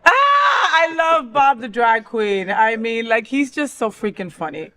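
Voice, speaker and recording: A woman's voice: fairly high pitch, very animated, a little slow, bright, forceful tone. A woman hosting a talk show in a chatty, emphatic, informal way. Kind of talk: chatty, opinionated co-host talk.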